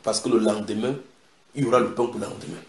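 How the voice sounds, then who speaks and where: A man's voice: on the low side, quick pace, a little hiss or hum. Echoey male preacher delivering a sermon. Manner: animated, repeats phrases for emphasis, breaks into song. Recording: echoey room.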